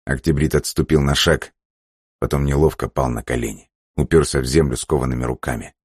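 A man reading an audiobook aloud in a steady, dramatic manner. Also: a bass voice, fairly quick, husky, no room sound, clean studio sound. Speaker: audiobook narrator. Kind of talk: scripted narration.

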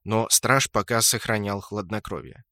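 A man reading a first-person fantasy novel in a steady storytelling manner. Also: on the low side, normal speed, no echo, clean studio sound. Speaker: audiobook narrator. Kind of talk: first-person fiction narration.

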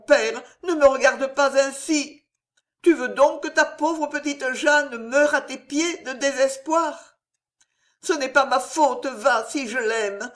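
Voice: sits high, pitched above the performer's own voice. A reader voicing a desperate young noblewoman in an audiobook, pleading in a raised, tearful voice. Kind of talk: audiobook character reading.

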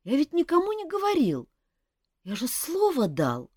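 A woman's voice: sits high, huge pitch swings, moderate pace, darkish tone, no room sound, pitched above the performer's own voice. A woman putting on a mischievous young elf prince in a storybook, sulky and self-important by turns. His voice rises and falls widely, and the recording is dry and close. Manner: sulky, then pompous.

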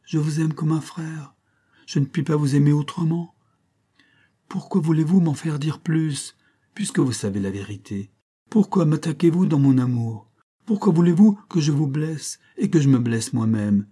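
A man's voice: on the high side, animated, normal speed, mellow, husky, voice pushed up. A man reading aloud and voicing a young woman in love, pleading urgently and emotionally.

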